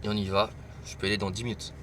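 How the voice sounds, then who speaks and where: A young French truck driver films himself at a cold, windy outdoor truck stop, chatting casually and slangily with his viewers in vlog style. His voice sits fairly low with a level tone, he speaks fast, and background noise is audible.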